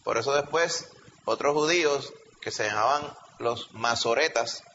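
A man's voice: medium pitch, a little slow, bright, forceful tone. A male pastor preaching a sermon in an emphatic teaching manner, often checking in with the congregation. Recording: reverberant hall, slightly dull sound, faint background hum.

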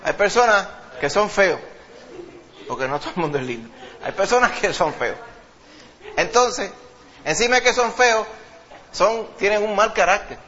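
A male pastor delivers an animated sermon in a bright, somewhat high voice. He speaks straight to his congregation, calling them brother. The recording sounds a little dull and lo-fi, with faint room ambience behind. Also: moderate pace, long pauses. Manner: lively preaching, addressing the congregation as brother.

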